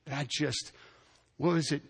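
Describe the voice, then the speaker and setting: A man preaching a sermon, swinging between emphatic near-shouted points and casual, joking asides. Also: fairly high pitch, steady tone, normal speed, gravelly, slightly rough, in a large hall. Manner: conversational asides and sarcasm. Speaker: pastor.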